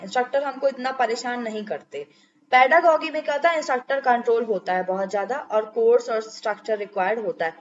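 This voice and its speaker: Young female lecturer with a high voice, explaining step by step, dull lo-fi recording. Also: slight background noise. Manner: explains step by step, asks checking questions. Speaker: teacher. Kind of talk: exam-prep lecture.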